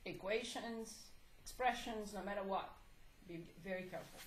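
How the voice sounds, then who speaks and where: A woman teaching a math class, hoarse and coughing, asking the class questions at a slow pace. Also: mid-range voice. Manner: slow, deliberate, prompting questions. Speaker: math instructor. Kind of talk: classroom lecture. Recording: echoey classroom, faint noise.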